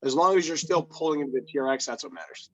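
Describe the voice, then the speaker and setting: A man working as a personal trainer with a hoarse voice, coaching a client through exercises step by step with easy laughs. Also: a little high, animated, very fast, muffled recording. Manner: patient step-by-step instructions, laughs easily. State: hoarse, lost voice. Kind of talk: remote workout coaching.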